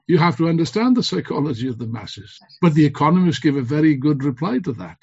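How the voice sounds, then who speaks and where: A husky male orator with a fairly high pitch delivers a fiery revolutionary speech. He drives points home with repetition and rhetorical questions. The sound is slightly dull and lo-fi. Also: lively intonation, quick pace. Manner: emphatic, rhetorical questions and repeated phrases for emphasis. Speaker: political speaker at an online school.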